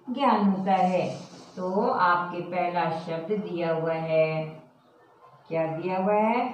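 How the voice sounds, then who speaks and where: Slow, patient woman teacher in echoey room. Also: on the low side. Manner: slow, repeats words and asks the class checking questions. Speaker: school teacher. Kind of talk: primary-school language lesson. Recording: very echoey, distant, faint hiss.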